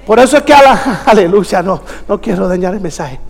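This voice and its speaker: Male pastor, very high voice, fervent sermon delivery, long hall reverb. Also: animated, a little fast, creaky. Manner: fervent, calls out to the congregation.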